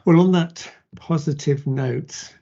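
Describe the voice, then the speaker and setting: Speaking slowly in a slightly high voice with a dark tone, the man hosts a conversational podcast interview and keeps his questions light and jokey. The sound quality is dull and lo-fi.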